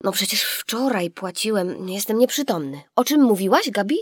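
A woman's voice: medium pitch, animated, moderate pace, husky, no echo, studio quality. A woman doing a weary, distracted dad. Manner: mumbling, absent-minded. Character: tired, distracted working father.

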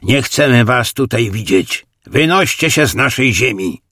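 A man's voice: mid-range voice, expressive, a little slow, no room sound, clean studio sound, voice pushed up. A man voicing a brutal male gang leader in an audiobook, snarling and roaring cruel orders. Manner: shouted commands and insults. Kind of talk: audiobook character voice.

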